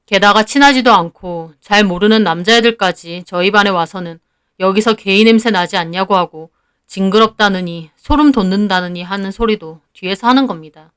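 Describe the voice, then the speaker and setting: A woman narrating a first-person story in an even, measured storytelling manner. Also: medium pitch, clean tone.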